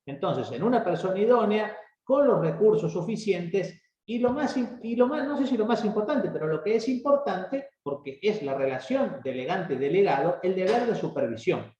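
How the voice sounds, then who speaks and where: A man with an Argentine Spanish accent moderating a legal webinar, explaining in a measured way with hesitant restarts over a video call. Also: sits high, animated, darkish tone. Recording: echoey, muffled video-call audio.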